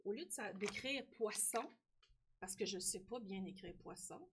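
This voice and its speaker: A woman's voice: medium pitch, lively intonation, a little slow, noisy background. A woman teacher with a Québécois French accent who gives a spelling lesson to young children, talks to the child directly and keeps asking "hein?".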